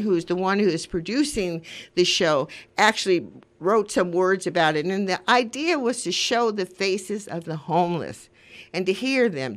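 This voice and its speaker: Een vrouw van in de tachtig, die als radiopresentatrice mededelingen doet en er oprecht en uitweidend bij praat. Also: female voice, mid-range voice. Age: 80s. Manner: earnest, rambling, conversational. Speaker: community radio host. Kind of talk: casual radio talk with announcements.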